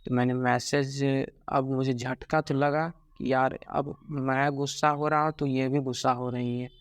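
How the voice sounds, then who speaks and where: Subdued heartbroken young man, flat delivery. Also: medium pitch, smooth, no room sound. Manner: halting, many fillers and restarts, subdued and regretful. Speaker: vlogger. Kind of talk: personal confessional vlog.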